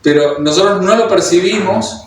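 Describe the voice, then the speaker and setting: Uruguayan guy preaching a sermon, kinda high voice, lots of ums and restarts, super echoey church room. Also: normal speed, slight background noise. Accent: Uruguayan Spanish. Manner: hesitant, many fillers and restarts, speaks directly to the congregation. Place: church hall. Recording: very echoey hall, heard from a distance.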